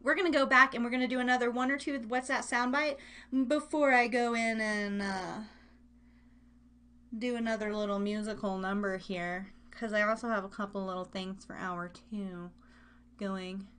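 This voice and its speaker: With a medium pitch and steady tone, she speaks at a normal speed in a bright, forceful, clear, and resonant voice. She's a live radio and podcast host chatting casually on an online show, playful and rambling, frequently interrupting herself as she addresses listeners directly.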